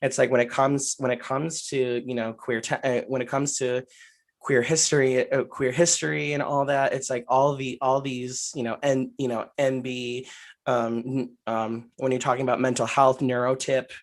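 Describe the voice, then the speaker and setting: A man's voice: mid-range voice, level tone. Male, 20s, casual co-host, searching for words, mid-range. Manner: halting, many restarts and fillers. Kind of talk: casual podcast chat.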